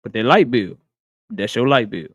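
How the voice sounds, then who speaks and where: A man's voice: medium pitch, lively intonation, normal speed, a bit bright, no room sound. A man in his thirties hosting a casual live stream, joking and roasting his viewers, laughing often. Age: 30s.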